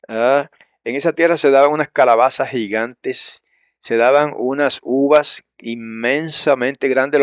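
A man's voice: mid-range voice, dry recording, highs cut off. Man preaching a conversational Bible lesson. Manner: conversational, addresses listeners as brothers, frequent tag questions; explains and repeats words, with pauses and restarts. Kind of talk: Bible teaching sermon.

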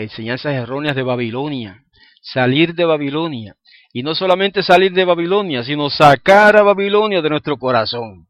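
A man's voice: medium pitch, no echo, highs cut off. A man preaching an informal sermon to a congregation, constantly checking in with the listeners and chuckling now and then. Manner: conversational, asks the listeners "¿ah?" and "¿verdad?" often; chuckles between points.

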